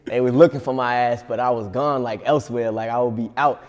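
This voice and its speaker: A nineteen-year-old rapper from Long Island, with a slight New York accent, talks as an interview guest, laid-back and slangy and laughing often. His medium-pitched voice is steady and fairly quick, trailed by a long reverb tail.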